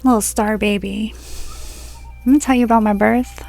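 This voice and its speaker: A woman in her forties from Florida telling a personal story from home in a slow, rambling monologue that drifts onto tangents. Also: mid-range voice, fairly even intonation, vocal fry, darkish tone, faint music behind. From Florida, USA. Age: 40s. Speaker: spiritual video creator. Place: at home, indoors.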